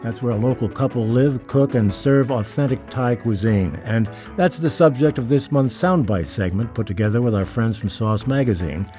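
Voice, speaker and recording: A man hosting a radio studio interview, relaxed and chatty, laughing easily with his guests. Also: medium pitch, moderate pace, hardly any pauses, soft background music. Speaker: radio show host.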